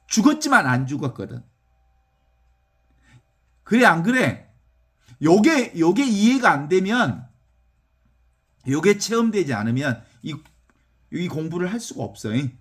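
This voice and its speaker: A middle-aged man preaches in a folksy, animated manner, often turning to his listeners to ask whether they agree. His voice sits high and swings widely in pitch as he talks. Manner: animated, folksy, asks listeners "right or not?". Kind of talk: sermon with text reading.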